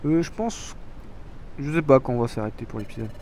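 A man's voice: mid-range voice, brisk, a little mellow, a little hiss or hum. A man with a French accent hosting a let's play, giving casual game commentary full of crude jokes and swearing. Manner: crude, joking, swearing banter.

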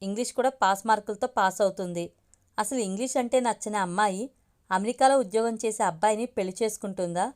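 A woman storyteller narrating a family story in a steady, conversational way. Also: mid-range voice, fast.

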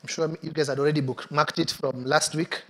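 A middle-aged man preaching a sermon in a relaxed, storytelling way on a large church stage, with a headset mic. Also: a little high, fairly quick. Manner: conversational storytelling, acts out quotes. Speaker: pastor.

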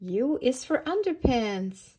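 Slow, sing-song woman reading to small children. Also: sits high, sing-song, dark tone, breathy edge. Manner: slow, sing-song, asks the young listeners questions. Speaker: early years storytime reader. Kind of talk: reading a children's picture book aloud.

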